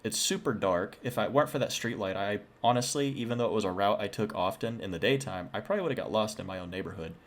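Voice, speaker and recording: A young man tells a spooky personal story in a casual, chatty way. He keeps dropping self-deprecating asides. His voice sits a little on the low side. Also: fast, few pauses.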